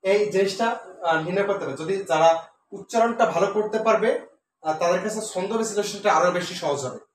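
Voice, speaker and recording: High-voiced man teaching in an echoey room. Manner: explains step by step, repeats words slowly with many "uh" fillers. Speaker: Bengali teacher. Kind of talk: classroom lesson on pronunciation. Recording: echoey room, voice from a distance, faint noise.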